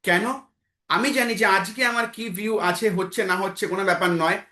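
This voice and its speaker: A man's voice: sits high, fairly even intonation, moderate pace, bright, forceful tone, reverberant. A man leading an online team meeting as a trainer, exhorting his listeners, repeating phrases and answering his own questions. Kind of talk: motivational training talk.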